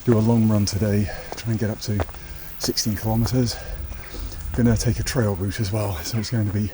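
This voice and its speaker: Fairly low in pitch with little pitch movement, this British running vlogger speaks briskly in a casual chat to camera. Clicks and noise mark the recording.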